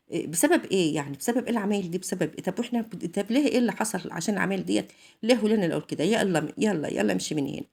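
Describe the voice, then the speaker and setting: An Egyptian woman in her thirties chats through a cooking vlog, her speech rambling and full of restarts. Her voice sits on the low side and carries a gravelly fry. Its tone is warm and mellow. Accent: Egyptian Arabic. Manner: rambling, halting, many restarts. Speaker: vlogger. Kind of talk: casual vlog chat while cooking.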